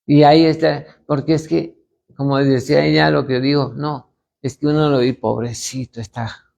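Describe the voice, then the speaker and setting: Gravelly-voiced pastor telling stories. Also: male voice, on the high side, level tone, moderate pace, a little mellow. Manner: gravelly, anecdotal, retells dialogue. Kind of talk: conversational teaching to fellow pastors.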